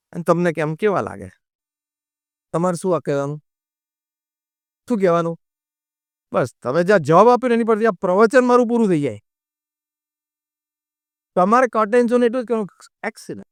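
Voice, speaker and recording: A man's voice: sits high, clean tone, dry recording. A man giving a motivational sermon as a monk, mixing in English phrases and acting out quoted voices. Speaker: monk giving a religious talk.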